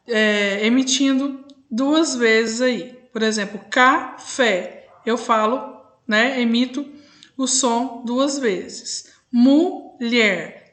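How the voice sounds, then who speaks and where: A woman's voice: on the high side, fairly bright tone. A woman schoolteacher giving an online lesson to young pupils, patiently drawing out syllables and checking in often. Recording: echoey room.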